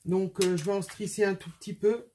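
A woman's voice: mid-range voice, steady tone, a little fast, dark tone, a little hiss or hum. A woman hosting a casual craft tutorial from her home workspace, talking in a chatty way with many hesitations.

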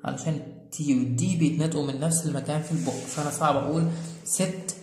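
A man's voice: on the high side, steady tone, a little mellow, a little hiss or hum. Egyptian man teaching in an echoey room. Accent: Egyptian Arabic. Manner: patient, repeats key words slowly, checks in with "okay?". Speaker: English teacher. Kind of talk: classroom-style lesson explanation. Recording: echoey room with long reverb.

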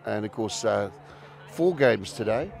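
Hesitant stream host. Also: male voice, fairly low pitch, lively intonation, unhurried, gravelly, darkish tone. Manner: hesitant with many ums and uhs. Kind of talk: casual interview.

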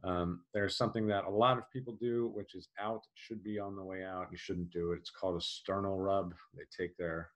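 Low-voiced man teaching EMT basics. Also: fairly even intonation, fairly quick, hardly any pauses. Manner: casual, many fillers, plain explanatory. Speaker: EMT instructor. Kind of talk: recorded classroom lecture.

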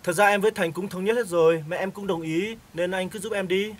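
A man's voice: high-pitched, fairly even intonation, fairly quick. A man playing an elder son who wants his own household, curt with his wife and deferential to elders. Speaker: son in family drama.

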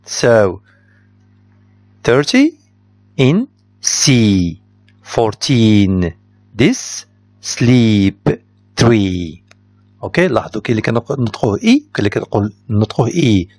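Lively male teacher, dry sound. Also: medium pitch, dry recording. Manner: reads answers aloud, switches to Darija to explain. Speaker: English teacher. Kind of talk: test correction lesson.

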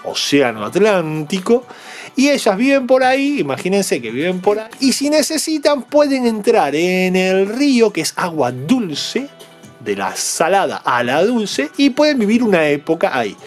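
A man's voice: sits high, sing-song, moderate pace, faint music behind. A man, unboxing toys and patiently explaining them to young viewers, checking in with them all the time. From Argentina. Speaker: toy unboxing vlogger.

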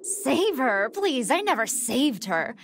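A woman's voice: high voice, sing-song, slow, a little hiss or hum, exaggerated voice. A woman playing a haughty, menacing android scientist in a video game, condescending and cold.

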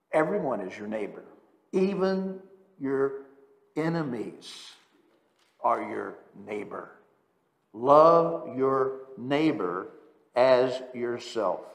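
A man preaching a sermon as pastor, teaching and explaining words, slowing down to stress scripture. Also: mid-range voice, echoey room, big-room sound. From United States. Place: church sanctuary.

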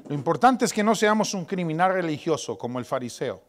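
A man in his forties preaching a sermon as pastor in a church, dramatic, going from loud outbursts to hushed whispers. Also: fairly high pitch, animated, brisk. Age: 40s.

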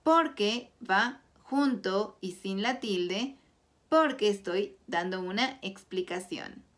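A woman teaching a Spanish grammar lesson, explaining clearly and deliberately through example sentences. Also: mid-range voice, lively intonation. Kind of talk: slow scripted grammar lesson.

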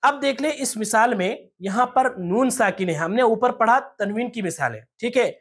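A teacher giving a step-by-step lesson on reading the Quran. The teacher often asks rhetorical questions and spells out letter sounds slowly. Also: mid-range voice, animated, husky. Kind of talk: tajweed lesson.

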